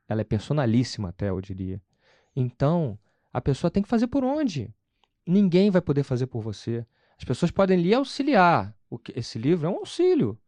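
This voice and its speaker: This man with a Carioca Brazilian accent appears as an interview guest, giving a conversational testimony about his personal faith. He speaks at a moderate pace in a slightly high, darkish voice with huge swings in pitch, emphatic and explanatory, often posing questions and answering them himself. The recording is dry.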